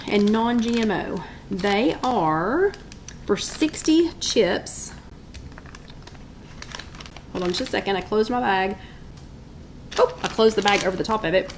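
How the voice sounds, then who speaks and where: This middle-aged woman hosts a live weight-loss chat in her kitchen, reading viewers' votes and names aloud in a chatty, upbeat way. Her voice is medium in pitch, and the low-quality recording has slight background noise.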